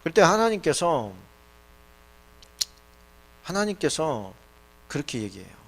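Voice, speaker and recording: A middle-aged man preaching a sermon as pastor, lively and acting out the voices he quotes. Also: on the high side, a little slow, vocal fry.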